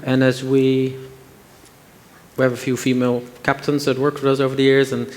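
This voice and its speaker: A man's voice: medium pitch, completely flat delivery, normal speed. A male panelist answering a question fluently and earnestly, citing figures. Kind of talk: panel discussion. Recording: reverberant conference hall.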